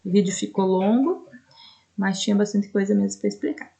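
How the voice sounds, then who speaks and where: A woman's voice: mid-range voice, vocal fry, warm tone. A woman teacher with a Brazilian accent, explaining a recorded lesson for adult students and often checking in with "né?". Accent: Brazilian Portuguese. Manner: explanatory, frequent "né?" checks, spells out syllables slowly.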